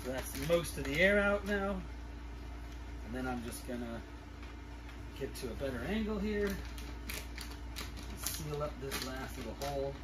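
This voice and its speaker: A man's voice: medium pitch, expressive, unhurried, pauses often. Distant, noisy man with a sick throat. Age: middle-aged. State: sick, sore congested throat. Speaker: food-storage vlogger. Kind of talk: casual hands-on demonstration. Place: small living room, indoors. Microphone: camera a few feet away. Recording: distant camera mic, clearly noisy room.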